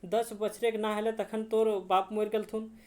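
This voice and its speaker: A woman's voice: medium pitch, flat delivery, measured pace, mellow, lightly acted. A woman with a Jharkhand Khortha accent reads out the lines of a rural mother scolding her grown son, in a plain reading voice.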